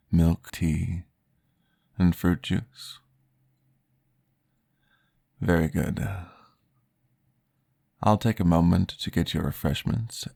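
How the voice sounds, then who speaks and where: Close to the mic and with no echo, a man voices a well-mannered male vampire conducting a therapy session in a gentle, formal ASMR roleplay. His low, gravelly voice is deliberately exaggerated.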